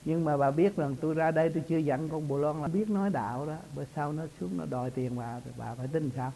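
A man's voice: on the high side, fast talker, gravelly, mellow, slight background noise, poor audio. A man, a spiritual teacher talking casually in a folksy, storytelling way and laughing often. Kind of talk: casual religious talk.

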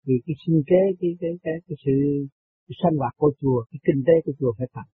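A husky, slightly high-voiced man talks through a spiritual lesson, circling back and stumbling over repeated words. The sound is tinny and phone-like, with a dry, close feel. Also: racing, no room sound. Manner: repeats words while searching, chuckles between points. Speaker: spiritual teacher. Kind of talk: rambling spiritual talk.

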